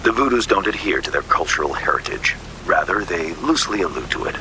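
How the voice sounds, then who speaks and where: A male actor voices an urbane, cagey underworld fixer in a video game, his low, expressive voice moving fairly quickly in a breathy murmur. The delivery is sly and measured, full of florid, wry, theatrical phrasing and sly wit. Rain and ambient noise sit behind him.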